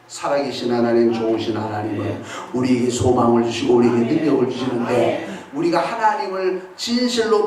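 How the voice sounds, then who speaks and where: Animated pastor preaching in an echoing church. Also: male voice, high-pitched. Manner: animated, asks the congregation questions. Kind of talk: sermon. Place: church sanctuary. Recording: echoey church hall from far off.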